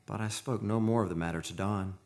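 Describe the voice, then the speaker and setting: An actor with a lowish, slightly mellow voice close to everyday speech plays an earnest, lovestruck man narrating a haunted romance in poetic radio-play style. He speaks fairly quickly in dramatic first person over music, and the mood is haunted and somber.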